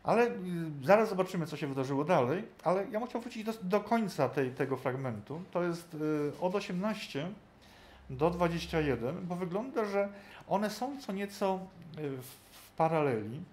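A man with a somewhat high voice leads a Bible study class. He talks it through in a loose, conversational way, thinks aloud, and keeps tossing small check-in questions to the group. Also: lively intonation, moderate pace, darkish tone, slight background noise. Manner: thinking aloud, often tagging questions to the listeners.

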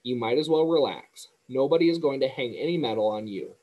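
A man reading aloud and voicing a greedy, snide male rat with a husky, hoarse voice. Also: medium pitch, expressive, fairly quick, dull audio, natural voice. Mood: gloating, snide.

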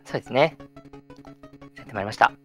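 A man commentating a live game run in a chatty way, often tagging his sentences with a soft "ne". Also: fast, faint music behind. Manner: chatty, lots of sentence-final "ne" tags. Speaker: speedrun commentator.

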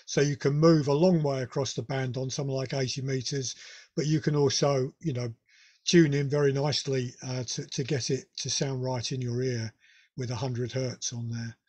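A man's voice: mid-range voice, steady tone, moderate pace, darkish tone, breathy edge. A man with a Northern English accent hosting a radio club meeting, talking casually with many restarts and fillers. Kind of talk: casual club talk over video call.

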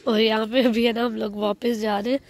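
A woman from Pakistan chatting excitedly and laughing as she narrates a family vlog, filmed outdoors in a park on a handheld phone. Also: fairly high pitch, brisk, no echo. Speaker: family vlogger.

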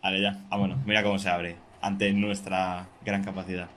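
A young man, hosting casual co-op gameplay chat, excitable and jokey, talking through every move. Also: low voice, moderate pace, a little hiss or hum. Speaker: gaming podcast host.

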